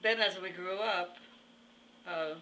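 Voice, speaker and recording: Centenarian woman interviewee: very old voice, unhurried and halting, bright edge, slight background noise. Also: lowish voice, poor audio. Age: over 100. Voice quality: very old, aged voice. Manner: halting, pauses mid-phrase, plainspoken. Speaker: interview guest. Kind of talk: reminiscing in conversation.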